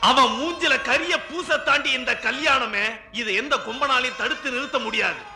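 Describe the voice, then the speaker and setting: An actor playing a blustering rich landowner who gloats and shouts threats. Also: male voice, very high voice, normal speed, over music. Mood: gloating.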